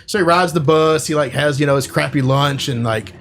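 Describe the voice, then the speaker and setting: A man's voice: fairly high pitch, a little fast, a bit bright, a little hiss or hum. A man hosting a casual podcast chat, retelling a film plot in a rambling way, full of fillers, acting out quotes. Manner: rambling, filler-heavy storytelling, acts out quotes. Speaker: podcast host.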